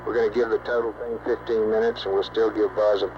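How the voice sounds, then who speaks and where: A man's voice: fairly low pitch, little pitch movement, fast talker. A man working as a flight director, coordinating a space mission over a radio loop in a businesslike, clipped way. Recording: noisy, dull 1960s mission radio loop.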